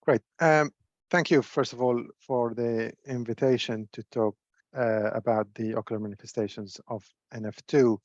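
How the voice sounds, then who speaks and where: A man's voice: medium pitch, fairly even intonation, no room sound. Man lecturing over a dull call. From Syria. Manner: measured, with frequent fillers and repeated words. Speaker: neuro-ophthalmologist presenter. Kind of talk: webinar lecture. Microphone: video call.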